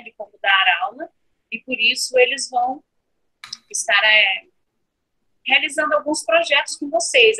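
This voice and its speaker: Brazilian lady teacher on a call, husky bright voice, lots of ums while she explains. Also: fairly high pitch, rough recording. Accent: Brazilian Portuguese. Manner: hesitant, filler-heavy explaining. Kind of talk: online class announcement.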